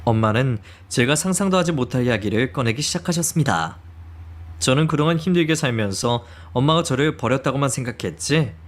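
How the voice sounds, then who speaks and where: A man giving calm scripted first-person narration for a radio story. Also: medium pitch.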